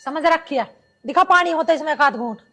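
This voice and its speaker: An actress playing a sharp-tongued, bossy village mother-in-law who scolds in rural speech. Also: high voice, fairly quick. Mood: scolding. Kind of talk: rural comedy drama acting.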